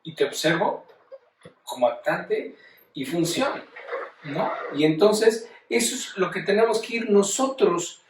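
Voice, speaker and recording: Mexican male teacher, slightly high voice, chatty lecture, recorded from across an echoey room. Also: lively intonation, a little slow, background noise. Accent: Mexican Spanish. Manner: conversational, explaining with tag questions. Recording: echoey room, mic at a distance.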